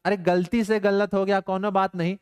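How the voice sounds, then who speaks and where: A man's voice: high-pitched, flat delivery, moderate pace, clear, resonant tone, dry recording, studio quality. A young man teaching physics in a live online class, mixing stern banter with his students into worked problems. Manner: playful, scolding students in banter.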